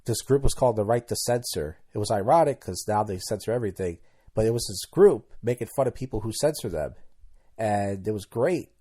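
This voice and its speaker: A man's voice: fairly low pitch, expressive, brisk, warm tone. A man in his thirties hosting a solo podcast, talking casually and candidly, rambling and tripping over his words as he goes. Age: 30s. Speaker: podcast host.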